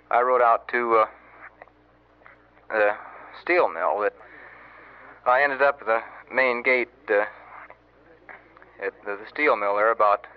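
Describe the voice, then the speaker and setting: A young man talking in a low, unhurried voice, rambling through his story with many pauses and fillers. The sound is an old wire recording, muffled and dull, with a faint hiss underneath. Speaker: Marine sergeant recording an audio letter. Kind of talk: casual spoken letter, storytelling.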